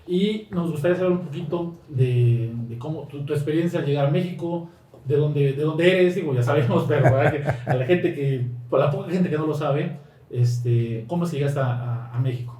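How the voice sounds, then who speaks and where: A man's voice: on the high side, normal speed, mellow. A man hosting a podcast, welcoming his guest and asking questions in a friendly, chatty way with hesitant phrasing. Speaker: podcast host. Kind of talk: casual interview. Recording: very echoey, distant, noisy room.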